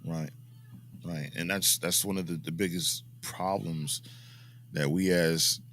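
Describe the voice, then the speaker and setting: An American man from the United States co-hosts a podcast, his low-pitched voice slow, a bit bright, and fairly even in intonation. The talk is a casual chat in which he rambles reflectively and sometimes trails off into a mumble.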